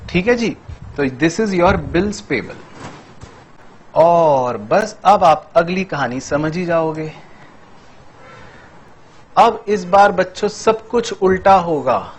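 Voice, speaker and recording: ऊँची आवाज़ वाला उत्साही पुरुष शिक्षक. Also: male voice, high-pitched. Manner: playful storytelling, acts out little dialogues for students. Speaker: accounts teacher. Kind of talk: classroom lecture with story examples.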